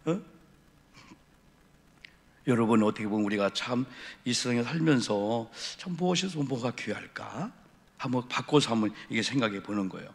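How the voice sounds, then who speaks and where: A man's voice: medium pitch, lively intonation, normal speed, creaky, pauses often. A middle-aged man preaching an evening sermon as a senior pastor in a church sanctuary, with emphatic repeated refrains and rhetorical questions. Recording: echoey church hall reverb.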